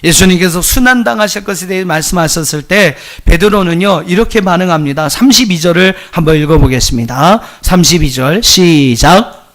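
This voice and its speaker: A man's voice: sits high, expressive, brisk, hardly any pauses, a bit bright. A male pastor preaching a sermon, addressing the congregation directly with emphatic rhetorical questions and light jokes. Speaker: senior pastor.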